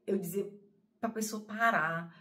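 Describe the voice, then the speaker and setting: A woman's voice: mid-range voice, unhurried, sharp tone. A woman talking to her viewers in a personal, emotional monologue. She rambles, repeats herself and often calls her audience "gente". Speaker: spiritual channel host.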